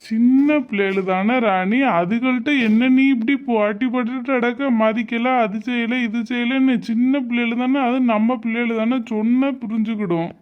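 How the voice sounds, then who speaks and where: A woman's voice: on the high side, fairly even intonation, normal speed, few pauses, lo-fi sound, lightly acted. A woman voicing a defensive, hot-tempered husband and father in a cartoon. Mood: pleading. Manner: defensive, pleading. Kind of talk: cartoon voice acting.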